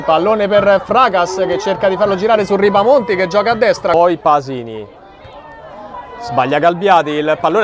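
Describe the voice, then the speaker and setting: A man giving live football commentary with breathless, excited goal calls. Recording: crowd noise, outdoor pitch. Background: crowd at a small outdoor football ground.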